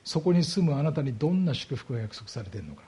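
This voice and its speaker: A man's voice: mid-range voice, very animated, mellow, breathy edge. A man preaching a sermon as a pastor, explaining scripture and asking his congregation rhetorical questions. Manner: slows down heavily on key words.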